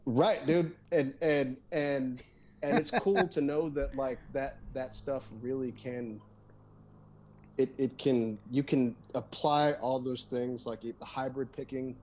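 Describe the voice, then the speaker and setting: A man's voice: mid-range voice, steady tone, slow pace, a little mellow. A man guesting on a podcast, talking in a loose, rambling way with lots of fillers, restarts and "dude". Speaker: guest guitarist and songwriter. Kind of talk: casual podcast conversation.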